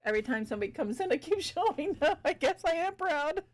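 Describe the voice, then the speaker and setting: A fairly high-voiced woman chats with her viewers as she paints on a live stream. She thinks aloud about her work in an easygoing, giggly way. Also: animated, a little fast. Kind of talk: casual chat with viewers while painting.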